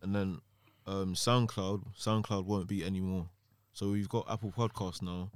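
A young man co-hosting a casual podcast as its engineer, low-key and soft-spoken. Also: steady tone, normal speed, clean tone, dry recording. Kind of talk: casual chat.

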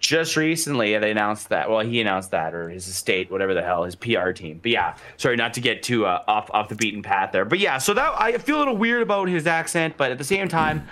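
A man's voice: on the low side, quick pace, few pauses. A young man co-hosting a podcast, rambling in casual chat with lots of fillers. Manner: animated, rambling, filler-heavy. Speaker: podcast co-host.

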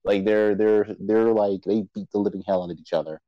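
A man's voice: lowish voice, fairly even intonation, brisk, no room sound, muffled recording. A man moderating a casual chat about anime awards, rambling with stammered restarts and frequent laughs. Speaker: podcast moderator.

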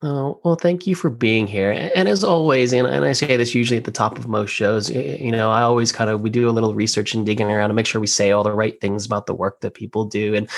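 A male podcast host with a fairly low voice speaks in a close, dry recording. He talks earnestly and warmly about his guests, often restarting his sentences and repeating small words as he finds his way. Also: gravelly, no echo. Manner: earnest, halting with frequent restarts. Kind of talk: casual interview chat.

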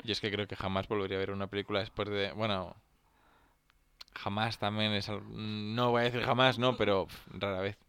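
A man with a Spanish accent from Spain, giving measured, wry opinions in a casual film review chat. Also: fairly low pitch, little pitch movement, a bit bright, clear, resonant tone, no echo. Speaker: film podcast co-host.

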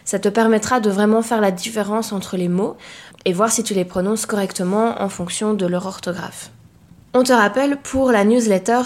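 A woman's voice: mid-range voice, darkish tone. A woman co-hosting a podcast for learning English, welcoming the listener and speaking to them directly and informally. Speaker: podcast co-host. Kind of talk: friendly podcast introduction.

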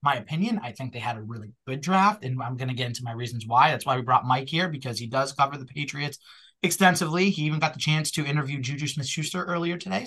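A man with a Boston accent hosting a casual sports podcast, chatty and energetic. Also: fairly high pitch. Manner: energetic, chatty, quick asides. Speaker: podcast host.

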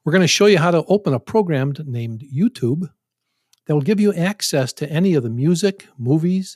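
A man's voice: on the high side, a little mellow, dry recording, studio quality. A man in his seventies hosting a podcast, talking in a folksy, joking, conversational way. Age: 70s. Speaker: podcast host. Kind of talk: casual podcast introduction with jokes.

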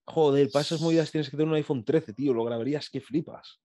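A man's voice: on the high side, fast talker, warm tone. A young man from Spain with a Spanish accent, reacting to a friend's story with short interjections in casual chat. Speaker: listening friend.

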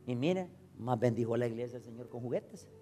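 A male pastor preaching a storytelling sermon, swinging from loud exclamations to low asides. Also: monotone, fast, breathy edge.

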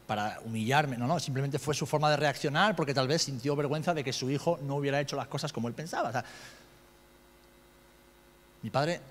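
A middle-aged man from Spain preaching a sermon, swinging from loud, high-pitched outbursts to low, quiet storytelling. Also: long reverb tail, a little hiss or hum. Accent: Spain Spanish.

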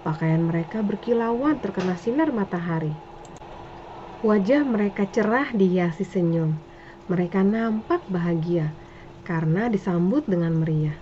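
A woman storyteller reading a scripted folktale narration. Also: medium pitch. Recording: dull lo-fi with faint noise.

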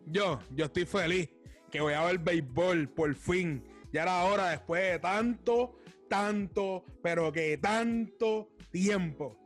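A man's voice: high voice, slow pace, faint music behind. A man with a Puerto Rican accent chatting casually about sports as a co-host, mixing English words into his Spanish in a Spanglish manner. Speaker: podcast co-host and baseball analyst.

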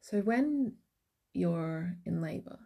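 Woman, podcast co-host, gravelly husky voice, blunt, joking, casual. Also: on the low side, expressive, slow, warm tone. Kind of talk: casual chat.

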